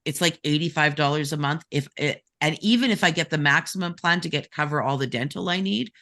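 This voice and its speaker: A man speaking as a panelist in a casual discussion, halting and restarting often as he explains. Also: a little high, pushed and bright.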